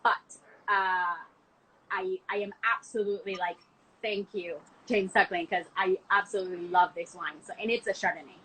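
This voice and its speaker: Bright-voiced young woman, gushing and chatty. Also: mid-range voice, steady tone, normal speed, a little hiss or hum, low-quality recording. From Argentina. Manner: enthusiastic, chatty, many "like" fillers. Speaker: wine export manager, guest. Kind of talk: casual podcast conversation. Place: home, from a window view of the city.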